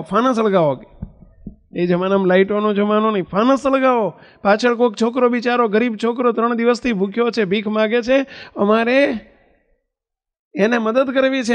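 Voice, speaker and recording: Male preacher with a high voice, animated storyteller who voices his characters, recorded in a reverberant hall. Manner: animated, acts out dialogue with raised pitch; chants a hymn verse slowly. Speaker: preacher telling a religious story. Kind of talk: devotional sermon storytelling.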